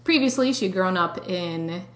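A young woman, a dietitian, talking casually as a podcast guest with a relaxed, wry manner. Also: fairly low pitch, a little slow, echoey room. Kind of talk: casual interview.

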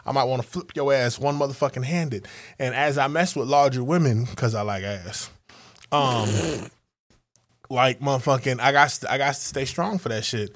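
A man cohosting a podcast, telling raunchy stories in a profane, animated way and acting out voices. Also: mid-range voice, moderate pace. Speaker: podcast co-host. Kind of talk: raunchy comedic banter.

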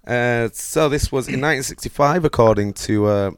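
A man's voice: mid-range voice, normal speed, smooth, dry recording. A man, co-hosting a casual podcast chat and reading through his notes with lots of fillers. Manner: rambling, reads notes aloud with fillers. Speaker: podcast co-host.

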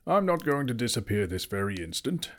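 Wise, commanding old wizard, read by a man: pitched well above his own voice, emphatic. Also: sing-song, brisk, natural voice. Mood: practical.

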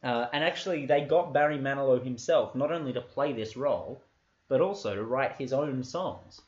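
A man co-hosting a comedy podcast, telling an improvised story in a deadpan, playful manner. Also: medium pitch, moderate pace. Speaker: podcast co-host. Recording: echoey room, lo-fi.

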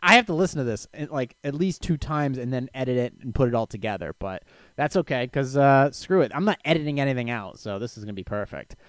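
A man's voice: mid-range voice, animated, fast, dry recording. A man hosting a podcast in a casual, chatty style, close on the microphone. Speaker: podcast host. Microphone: close studio microphone.

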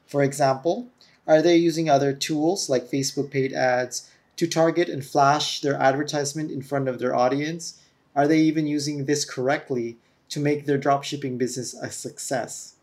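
Recorded on a camera-mounted mic that gives a tunnel-like echo and some feedback, a solo podcast host lectures earnestly and steadily. His voice is on the high side and a little mellow.

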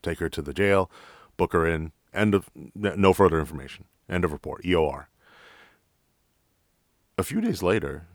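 A man's voice: rumbling low, dry recording, studio quality. A man with a New York accent, a police officer hosting a podcast, telling stories in a blunt, profane, direct way. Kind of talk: casual storytelling.

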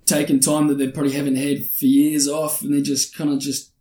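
A man's voice: fairly high pitch, completely flat delivery, fairly quick, warm tone. A man with a broad New Zealand accent chatting casually in a laid-back, slangy, matey way. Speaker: interview guest, spear fisherman and underwater cameraman. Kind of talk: casual chat. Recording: roomy echo, faint noise, clicks.

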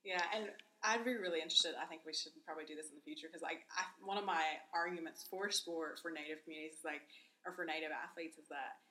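A woman's voice: deep voice, steady tone, quick pace, sharp tone, slight background noise. A woman in her thirties co-hosting a podcast, talking in a chatty, rambling way and often agreeing with "absolutely". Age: 30s. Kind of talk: casual podcast conversation.

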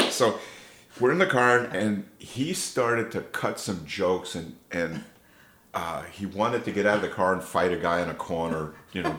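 A man, an interview guest and bass player, telling rambling, emotional anecdotes. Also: fairly bright tone. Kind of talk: storytelling interview. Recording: echoey room.

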